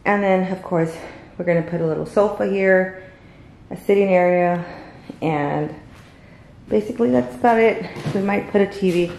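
A woman vlogs around her house with a handheld camera, her voice sitting a little low. She chats along freely, trailing off, restarting and hunting for the right word. A faint hum of noise sits underneath her. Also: normal speed, vocal fry, darkish tone, low-quality recording. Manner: chatty, rambling, restarts and searches for words. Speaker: vlogger. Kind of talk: casual home vlog. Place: at home, then in a car.

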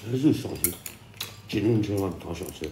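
A man's voice: low voice, expressive, a little fast, dark tone. A man making short, terse remarks in casual conversation over a meal. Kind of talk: casual table talk during a meal. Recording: echoey room with faint noise and clattering dishes.

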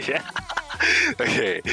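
A young man live streaming, chatting casually to his viewers, excitable and slangy, breaking into shouts and laughter. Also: very high voice, vocal fry. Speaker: livestreamer. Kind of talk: casual live stream chat reacting to clips.

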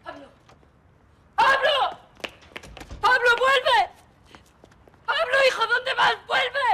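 A woman's voice: sits high, rapid-fire, fairly bright tone, slight background noise. An older actress playing a frightened grandmother who begs and pleads for her grandson in a film drama. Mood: calling out. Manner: pleading, begging.

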